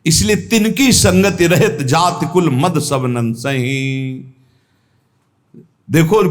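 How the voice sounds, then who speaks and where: A man with a North Indian Hindi accent giving an earnest devotional sermon, repeating key phrases for emphasis. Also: fairly high pitch. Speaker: spiritual teacher giving satsang. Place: ashram hall. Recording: long hall reverb.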